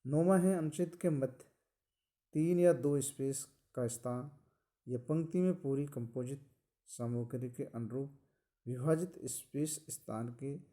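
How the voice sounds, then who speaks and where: Male lecturer, unhurried and methodical, deep mellow tone, a teaching cadence that repeats key points. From India. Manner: slow, deliberate, explanatory, repeats phrases. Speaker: college lecturer. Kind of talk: recorded lecture.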